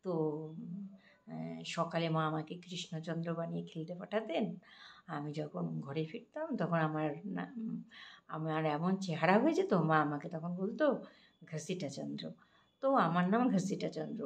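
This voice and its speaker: A woman's voice: sits low, lively intonation, normal speed, vocal fry. A woman casually telling a devotional story, hesitant, with many fillers and restarts.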